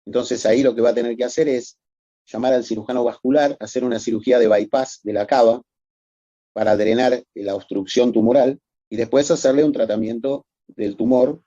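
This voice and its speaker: A man's voice: mid-range voice, fairly even intonation, fairly quick, mellow, dry recording, lo-fi sound. A man giving a recorded medical lecture, explaining methodically and addressing students formally.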